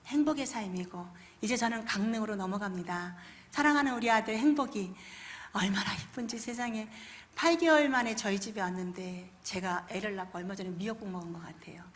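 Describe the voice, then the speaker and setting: A middle-aged woman gives a church testimony in a high, bright voice with a very animated pitch. She drops to near-whispers, then bursts into loud, laughing exclamations as she acts out her own prayers. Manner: swings from hushed to shouting, acts out prayers. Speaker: pastor's wife giving testimony. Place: large church hall.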